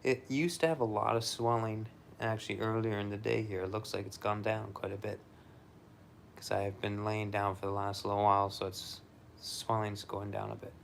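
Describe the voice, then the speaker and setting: A man casually talking through an exercise demonstration and counting out repetitions in a low-key, often murmured way. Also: little pitch movement, moderate pace, vocal fry, a bit bright, a little hiss or hum. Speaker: vlogger recovering from surgery, demonstrating exercises.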